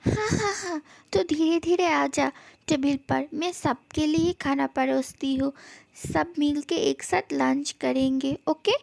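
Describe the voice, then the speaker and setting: A woman's voice: sits high, slow pace, vocal fry, a little mellow, no echo. A woman reading a fan love story aloud, giving every character's lines in much the same voice.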